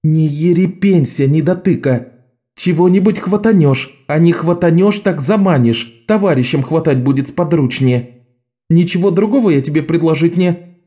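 A man voicing a bossy, sharp-tongued young girl thief who leads a gang of boys, scolding and commanding. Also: fairly high pitch, moderate pace, pitched above the performer's own voice, natural voice.

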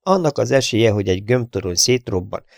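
A man narrating an audiobook in a measured, dramatic way, voicing each character. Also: on the low side, expressive, gravelly, no room sound, studio quality.

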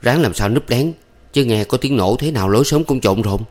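A man's voice: medium pitch, lively intonation, brisk, a little mellow, voice pushed up, lightly acted. A man reading a story, voicing a young village man who scolds and hurries his lover. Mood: urgent. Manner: urgent, scolding.

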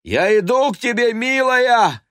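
A man's voice: sits low, animated, slow, no room sound, studio quality, heavily acted. A man voicing a proud, gloomy male house cat who speaks mournfully and solemnly in a storybook. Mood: defiant shouting. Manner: mournful and solemn, bursting into shouts.

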